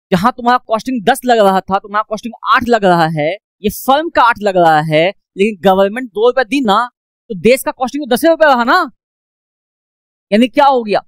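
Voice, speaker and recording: A woman's voice: a little high, no room sound. Woman teacher, raised voice with swooping intonation; quizzes herself aloud through the lesson. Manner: asks questions and answers them herself, repeats points; mixes English phrases into Hindi speech. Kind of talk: classroom economics lecture.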